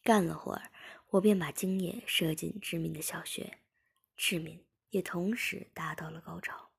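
Woman narrating in hushed whispered role-play. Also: fairly low pitch, fairly even intonation, normal speed, creaky, husky. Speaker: story reader.

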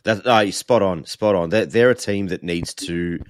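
A man's voice: low voice, normal speed. A man giving casual sports analysis as a podcast co-host, repeating words as he builds each point.

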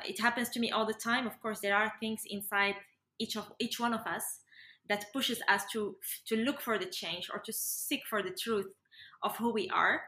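A young adult woman from Morocco speaks casually as a guest on a podcast interview, drawing on her work as a yoga and breathwork facilitator. Her voice is a little high, bright, and forceful, captured with a roomy, echoey sound.

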